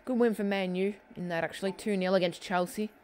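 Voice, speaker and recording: Excitable gamer commenting on a football match. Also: medium pitch, brisk, clean tone. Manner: excitable, talks to himself while playing, frequent exclamations. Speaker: gaming channel host. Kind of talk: live gameplay commentary. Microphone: headset headphones.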